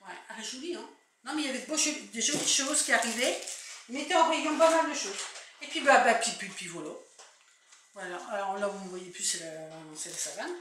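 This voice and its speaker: A woman's voice: a little high, expressive, a little fast. A woman in her fifties with a Picard French accent, chatting casually through a shopping haul and rambling, often restarting her sentences. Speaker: vlogger. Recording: echoey room, distant mic, faint noise.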